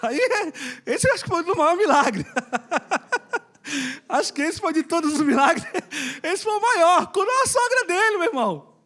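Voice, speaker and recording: High-voiced, lively preacher. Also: male voice, moderate pace, long pauses. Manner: conversational, emphatic, joking with the congregation. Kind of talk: sermon.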